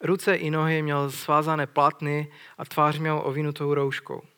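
A man's voice: a little high, flat delivery, a bit bright, clear, resonant tone. Earnest man preaching a sermon. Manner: earnest, retells scripture with questions to listeners.

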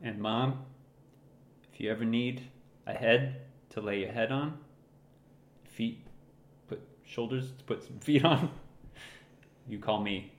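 A man's voice: medium pitch, echoey room, natural voice. A man playing a teenage boy trying to act tough as the man of the house, in an improvised comedy. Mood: earnest. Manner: slow cocky tough-guy talk, mock Boston swagger.

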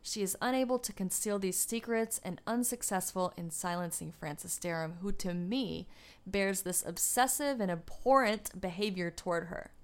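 A woman narrates history for her podcast in a scripted, storytelling way. She throws in wry asides now and then, and her voice sits in an ordinary middle pitch. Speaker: podcast host.

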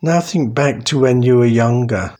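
A man guiding a meditation in a calm, soothing way, giving slow, unhurried instructions. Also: medium pitch. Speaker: meditation guide. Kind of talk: guided meditation narration.

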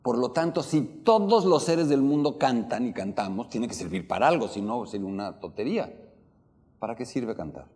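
Animated Mexican man lecturing on opera. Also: mid-range voice, moderate pace. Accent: Mexican Spanish. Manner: animated, questions the audience, demonstrates intonation. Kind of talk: lively lecture to a live audience.

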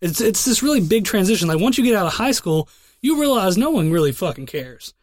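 A man's voice: high-pitched, very animated, brisk, a little mellow, no echo, studio quality. A young man co-hosting a podcast, telling a crude story in rambling, profane casual chat with lots of restarts. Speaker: podcast co-host.

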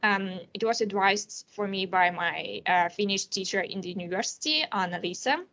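A Russian woman, nineteen years old, speaks Russian natively and has a Russian accent. She is a student guest answering interview questions, careful and frequently pausing in hesitation. Her mid-range voice sounds pushed and bright.

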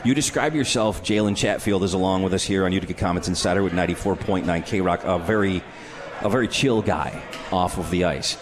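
Lowish-voiced male sports radio host. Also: brisk, crowd noise. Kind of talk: conversational interview. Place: bar and grill live broadcast.

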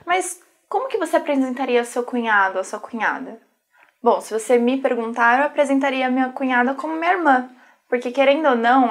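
Upbeat Brazilian woman hosting a lesson channel. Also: sits high. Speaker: channel host. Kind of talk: casual video lesson.

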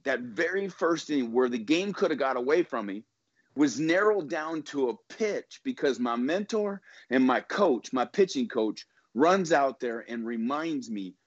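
A man's voice: mid-range voice, dry recording. Emphatic motivational man, lo-fi dry sound. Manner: emphatic, motivational, repeats words when excited. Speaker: guest, former baseball pitcher. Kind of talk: storytelling in a podcast interview.

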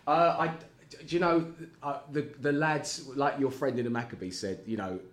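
A man's voice: mid-range voice, expressive, normal speed. A man in casual chat as a guest, rambling and self-deprecating, often laughing at himself. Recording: echoey room with faint ambience.

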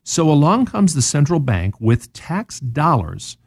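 Southern male host, warm low-key tone, dry close mic, sarcastic money explainer. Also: measured pace, breathy edge, dry recording. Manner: animated, sarcastic, explains with rhetorical questions. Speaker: radio show host. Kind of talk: casual financial talk.

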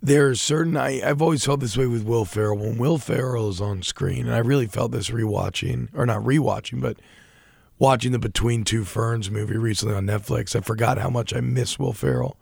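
Young male podcast co-host, gravelly, dry close sound, rambling and self-deprecating. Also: medium pitch, fairly quick, darkish tone, dry recording. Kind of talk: casual chat about a TV show.

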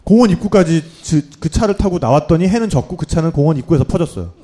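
A man's voice: a little high, fast talker. A man hosting a casual travel talk show, telling a story and acting out the lines of the people in it. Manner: animated storyteller, acts out quotes. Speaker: podcast host.

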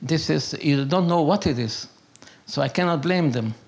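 In an unscripted interview about his life, an older Hungarian man rambles through stories and philosophical musings, repeating words to stress his points. His voice is fairly high with a creaky, gravelly texture, his accent is clearly Hungarian, and his English comes out halting and broken.

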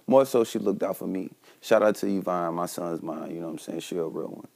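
A man's voice: sits low, fairly quick, vocal fry, darkish tone. A man casually telling a slangy story from his own life, acting out the dialogue of his friends. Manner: laid-back slangy storytelling, reenacts dialogue. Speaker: podcast host.

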